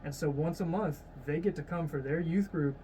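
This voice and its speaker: Guest youth minister in his thirties, higher-pitched male voice, steady explainer, faint noise behind. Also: moderate pace, poor audio. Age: 30s. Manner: steady, explanatory, with frequent "uh" fillers. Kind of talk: casual interview talk.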